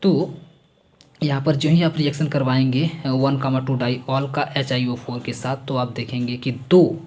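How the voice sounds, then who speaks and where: A man's voice: medium pitch, level tone, a little slow, darkish tone. A man teaching chemistry in a chatty, repetitive way, mixing Hindi with English terms and hammering home exam points. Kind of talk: exam-focused classroom lecture.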